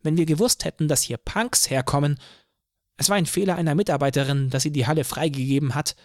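A man voicing a small, hot-tempered male city hall official with shrill, indignant outbursts in an audiobook. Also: animated, quick pace, clean studio sound.

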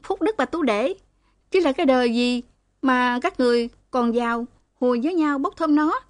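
A woman's voice: high voice, no room sound, voice pushed up, close to an everyday voice. A woman voicing a scrawny, hysterical young woman who wails and screeches, swapping n sounds for l. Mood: shrieking wail. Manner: swaps n for l, screeching fast.

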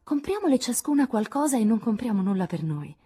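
Timid young girl, soft-spoken and high; a woman voices her for a storybook. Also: very animated, fairly quick, husky. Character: shy gentle thirteen-year-old girl Beth.

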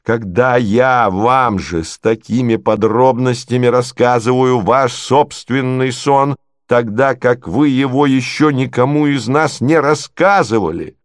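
A man's voice: mid-range voice, a little slow, dry recording, studio quality, lightly acted. A man voicing an indignant, domineering lady who presses with exasperated questions. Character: indignant domineering middle-aged lady, scheming.

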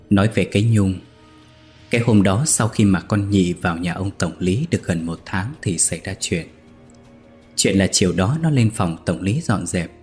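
A man narrating a scripted ghost story in a steady, even storytelling manner. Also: deep voice.

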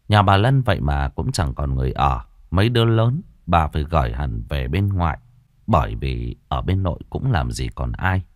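Male audiobook narrator, very low voice, lively melody, dry close sound, dramatic ghost story. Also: dry recording.

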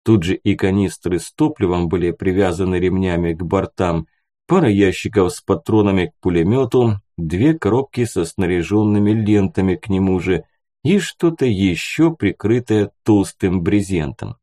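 A man's voice: sits low, moderate pace, mellow. A man reading an audiobook aloud, narrating and voicing the characters' dialogue by raising his voice. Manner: lifts his voice for other characters' lines.

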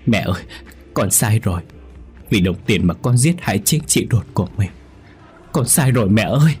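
A man's voice: on the low side, lively intonation, normal speed, a little mellow, natural voice. A man voicing a terrified, guilt-ridden man in a spoken ghost story, frantic and desperate. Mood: remorseful.

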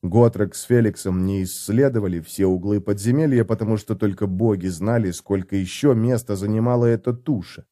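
A man reading fantasy fiction in steady, measured scripted narration for an audiobook. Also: lowish voice, no room sound, clean studio sound.

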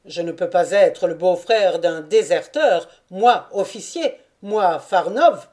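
A woman's voice: fairly low pitch, animated, slow pace, darkish tone. A woman voicing a stiff, proud male army officer in an audiobook, speaking firmly. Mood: stern. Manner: firm, stern. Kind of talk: audiobook character reading.

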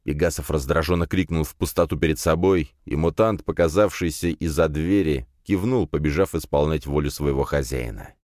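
A man reading a fantasy audiobook aloud in steady first-person storytelling. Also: rumbling low, moderate pace, hardly any pauses, no echo, studio quality. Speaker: audiobook narrator. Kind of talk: scripted audiobook narration.

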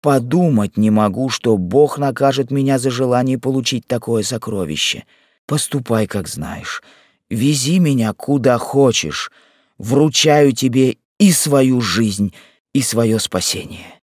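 A man's voice: darkish tone, no echo, clean studio sound, natural voice. A man reading a despairing tender husband. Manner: low, slow, tender delivery. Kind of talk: audiobook character reading.

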